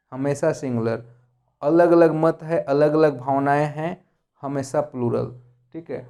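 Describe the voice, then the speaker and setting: A man teaches a grammar lesson in a fairly high, mellow voice with a soft, dark tone. He works through rules by listing examples one by one and keeps checking in with the class. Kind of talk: lecture explaining grammar rules.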